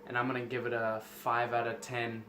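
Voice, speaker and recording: A man's voice: medium pitch, completely flat delivery, brisk, pushed and bright. A man co-hosting a casual film review, giving his opinion in plain conversational speech. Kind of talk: casual movie review chat. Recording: roomy echo, faint background noise.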